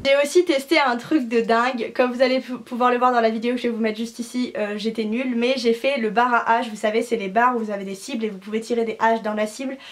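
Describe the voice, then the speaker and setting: A woman's voice: fairly high pitch, fairly even intonation, fast talker, hardly any pauses. A young woman from France in her twenties, chatting to camera in a gushing, slangy way with lots of fillers. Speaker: au pair vlogger. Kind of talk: casual talk to camera.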